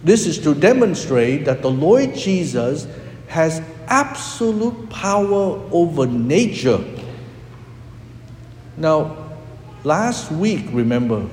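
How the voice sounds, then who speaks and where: A man preaching a sermon as a priest, with a slow, emphatic delivery that rises and drops dramatically. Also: mid-range voice, a little mellow, slight background noise. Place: church. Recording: echoey hall with long reverb.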